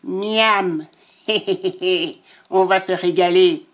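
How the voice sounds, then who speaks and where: A woman voicing a greedy, gleeful male vulture in a storybook reading, slowly relishing each word between buzzing scribble sounds. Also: on the low side, steady tone.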